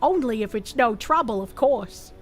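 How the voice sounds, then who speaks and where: A woman voicing a middle-aged country husband who is overly courteous and pushy, with a folksy, falsely sweet manner and a lowered voice. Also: animated, moderate pace, faint music behind. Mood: polite, ingratiating.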